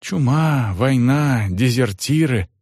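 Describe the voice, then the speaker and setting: A man's voice: mid-range voice, animated, slow pace, darkish tone, dry recording, clean studio sound, voice pushed up. A man doing a chatty peasant servant, singsong. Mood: gossipy. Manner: folksy, rambling, singsong. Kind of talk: audiobook character voice.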